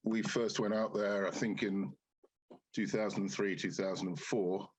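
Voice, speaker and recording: Very low, husky male interviewee. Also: fairly even intonation, normal speed, low-quality recording. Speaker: interviewee, golf course designer. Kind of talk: recollecting in an interview.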